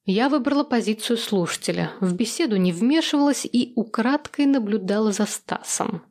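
A woman's voice: on the high side, lively intonation, moderate pace, darkish tone. A woman narrating a first-person audiobook in a wry, observant manner.

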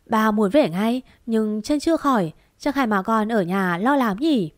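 A woman voicing a kindly older village father, speaking in a warm, fatherly way. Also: fairly high pitch, lively intonation, a little slow, dry recording, clean studio sound.

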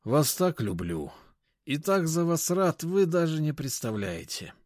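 A man's voice: on the high side, big pitch swings, darkish tone, no room sound, clean studio sound, pitched above the performer's own voice. A man playing a young man pretending to be drunk, slurring and gushing. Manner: slurred, drawn-out.

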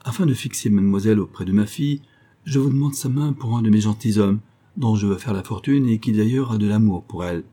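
A gracious old duke, courteous and measured, read by a man in close to his own voice. The voice sits low and mellow, with a husky grain. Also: lightly acted.

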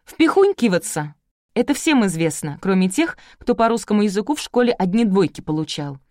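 A woman voicing a whiny, know-it-all young woman in an audiobook, pert and raised in pitch. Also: very animated, fairly quick, a little mellow, no room sound, studio quality, lightly acted.

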